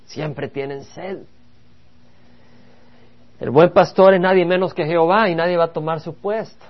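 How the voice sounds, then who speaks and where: A male pastor preaching in a fairly high voice, reading verses and then stressing them with fervour. The recording is dull and lo-fi, with the top end rolled off. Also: a little slow. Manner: preaching with rising emphasis, reading scripture aloud. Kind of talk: Bible study sermon.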